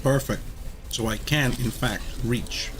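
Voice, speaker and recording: With game music playing behind him, a man with a mid-range voice hosts a playthrough at a slow pace, giving playful, rambling, sweary commentary. Background noise is audible in the recording.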